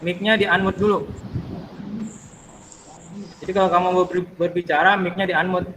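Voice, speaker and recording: A man's voice: sits high, flat delivery, moderate pace, fairly bright tone, a little hiss or hum, rough recording. A man teaching an online class over a video call, taking attendance and patiently coaxing students to unmute their mics.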